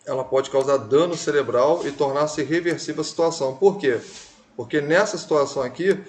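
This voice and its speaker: A man's voice: on the high side, fairly quick. A male nursing teacher, lecturing a class in a conversational, emphatic way that leans on tag questions.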